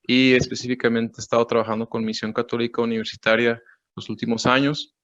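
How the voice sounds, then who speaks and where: A man from Monterrey, introducing himself in a measured, formal way over a video call. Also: mid-range voice, little pitch movement, a bit bright, no room sound. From Monterrey, Mexico. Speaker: director of a youth association. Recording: dull, dry video-call audio.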